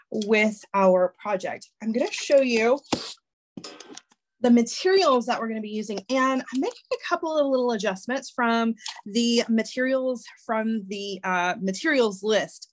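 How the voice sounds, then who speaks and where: Teaching a craft class with casual step-by-step directions, a woman sounds congested, her voice on the high side and a little weak. She's friendly and chatty, often saying um and starting over.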